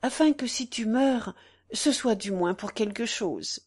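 A woman voicing an anguished young woman who pleads through her tears, in a slow storybook reading. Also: on the high side, lively intonation, darkish tone, slightly rough. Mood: tearful. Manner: pleading, tearful.

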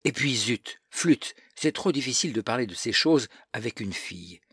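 A man's voice: medium pitch, animated, normal speed, fairly bright tone, slightly rough, no room sound, studio quality. A man voicing a smug, cocky teenage schoolboy with a boastful, scornful manner in an audiobook reading.

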